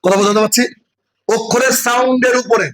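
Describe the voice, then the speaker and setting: A man's voice: very high voice, steady tone, a little fast, a bit bright, poor audio. A man teaching English in a classroom lecture, explaining step by step and checking that students follow. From West Bengal. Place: classroom with a board.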